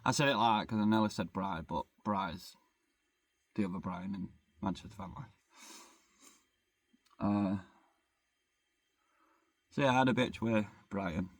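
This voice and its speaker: Speaking at a measured pace with long pauses, this young van-dwelling vlogger has a fairly low voice and no room sound around him. His casual chat rambles, full of swearing and self-deprecating humor.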